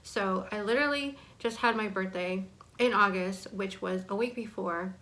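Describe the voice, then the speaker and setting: A woman in her forties speaks in a casual, candid vlog style, sharing personal things directly with viewers. Her mid-pitched voice carries slightly awkward articulation, as from talking with braces and bite blocks in her mouth. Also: normal speed, pushed and bright, poor audio. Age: 40s. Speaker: vlogger. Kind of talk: casual chat to camera.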